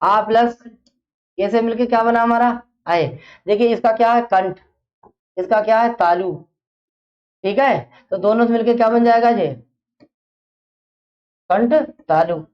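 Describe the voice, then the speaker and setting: A woman's voice: a little high, measured pace, pauses often. A woman teaching an exam-prep class, who fires off a question, repeats it, and then answers it herself. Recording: dull lo-fi classroom recording.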